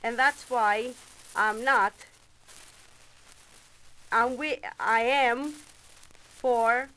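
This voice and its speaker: A woman's voice: a little high, extremely slow, sharp tone, poor audio. A woman, a housewife giving a hesitant but emphatic street-interview statement. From Greece.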